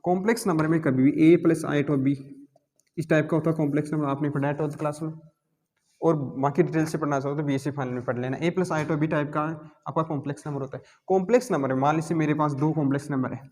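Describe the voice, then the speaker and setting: A man's voice: a little high, fairly even intonation, quick pace, darkish tone. A male math teacher, giving a classroom lecture and constantly asking and answering his own questions. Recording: long hall reverb.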